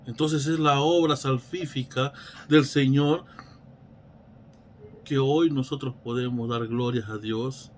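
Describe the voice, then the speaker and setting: A man's voice: medium pitch, fairly even intonation, slow, pauses often, a little mellow, a little hiss or hum. A man teaching a Bible study in a preacherly way, asking rhetorical questions and often restarting his phrases.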